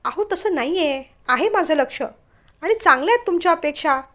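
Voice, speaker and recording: A woman voicing a flustered but spirited young woman who turns sharp and scolding. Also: sits high, animated, a little fast.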